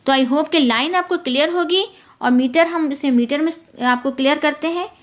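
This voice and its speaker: A woman teaching a lesson on English poetry, explaining in Urdu-Hindi and reading the English text slowly and carefully. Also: high-pitched. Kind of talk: lecture.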